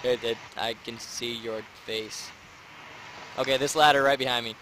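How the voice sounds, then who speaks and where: A young man hosting a casual let's-play, playful and quick to laugh. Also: mid-range voice, steady tone, a bit bright, a little hiss or hum. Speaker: gaming channel host.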